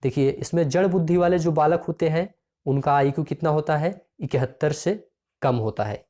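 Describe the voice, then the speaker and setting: Male exam-prep tutor, warm mellow tone, reads each question and its options, then drills the answer. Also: a little high, moderate pace. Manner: addresses listeners as friends.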